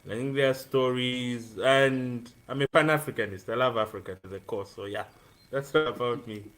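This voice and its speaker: A man in his twenties from Uganda, with a medium-pitched, fairly bright voice at a moderate pace, is a student guest in a casual live-stream interview. Over the video call he speaks earnestly about his life, frequently using um.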